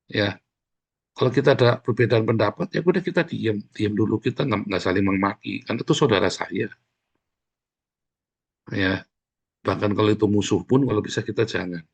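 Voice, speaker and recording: Gravelly, husky-voiced man preaching a sermon. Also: fairly low pitch, moderate pace, long pauses. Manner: conversational, scolding preaching with repeated "saudara" asides; acts out quoted speech in livelier voices. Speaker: pastor.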